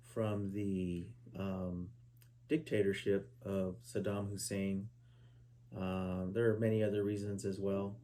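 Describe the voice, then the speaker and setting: A man in his forties from Southern California, a veteran answering oral history questions at a relative's house, halting with many fillers and restarts. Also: fairly low pitch, mellow. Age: 40s. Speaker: interviewee, Army veteran. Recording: poor quality home recording.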